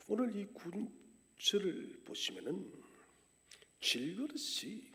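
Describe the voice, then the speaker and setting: Pastor, male, sermon; dramatic delivery that acts out complaints; gravelly, wildly swooping voice. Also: high-pitched. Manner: dramatic preaching, acting out the people's complaints with sudden loud outbursts. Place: church sanctuary. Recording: long church-hall reverb.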